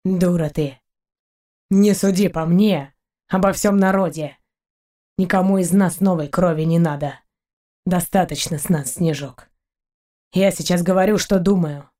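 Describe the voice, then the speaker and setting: A woman reading an audiobook and voicing a blunt, weary male space pirate in a slow, heavy, scolding way. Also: lowish voice, dark tone, voice pushed down, natural voice. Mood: harsh.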